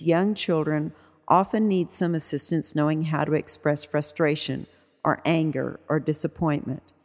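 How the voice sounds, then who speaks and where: A woman music therapist with a low speaking voice explains her methods in a relaxed, chatty way, full of little fillers. Now and then she breaks into short sung chants, jumping up high. Her voice trails off into a long, reverberant space. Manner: demonstrates chants by singing them in a high voice; relaxed, conversational, with many fillers. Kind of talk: podcast talk on teaching songs.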